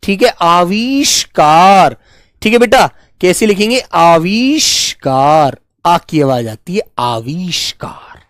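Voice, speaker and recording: Teaching spelling over a live online session, the man speaks in an animated, fairly bright tone with plenty of pitch movement. He's patient, slowly drawing out and repeating each word, and lovingly calls the students "beta," meaning children. No room echo colors the dry, close sound.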